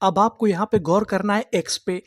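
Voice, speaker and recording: A man's voice: high voice, steady tone, moderate pace, dry recording. A man teaching an English vocabulary lesson, spelling words out letter by letter and answering his own questions.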